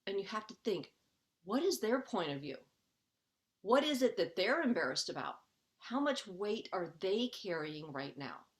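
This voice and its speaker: Middle-aged woman, life coach on a parenting webinar. Earnest, chatty delivery, mid pitch, keeps asking "okay?". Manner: earnest, conversational, often checks in with "okay?"; acts out her own inner voice in quotes. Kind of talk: webinar teaching.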